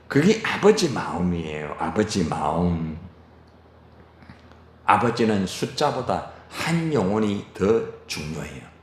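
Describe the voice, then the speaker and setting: A man preaching a sermon as pastor, swinging between soft asides and raised exclamations. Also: mid-range voice. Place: church sanctuary. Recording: echoey church hall.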